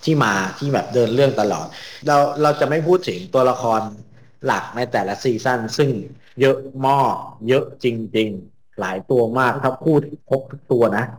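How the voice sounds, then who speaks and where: Guy hosting an anime chat show, rambly and jokey, middle pitch. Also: moderate pace. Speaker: podcast host. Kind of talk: casual chat.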